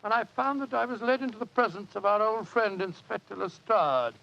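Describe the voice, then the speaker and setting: A male actor playing Doctor Watson, a blustering, fussy, loyal English gentleman with a British accent, in 1940s radio drama style. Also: high-pitched, a little fast, creaky. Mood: indignant. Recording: dull old radio broadcast, faint music.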